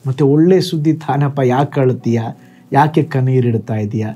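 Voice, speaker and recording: A man's voice: medium pitch, normal speed, warm tone, lo-fi sound, lightly acted. A man voicing a puzzled adult friend in a short anecdote, asking questions in a slightly raised voice.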